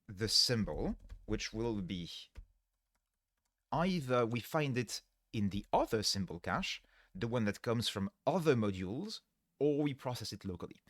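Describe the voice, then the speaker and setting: Over clean, echo-free studio sound, a man's medium-pitched, sing-song voice moves a little slowly. He's a tired livestreaming programmer on a headset mic, talking through his code step by step and revising himself mid-sentence.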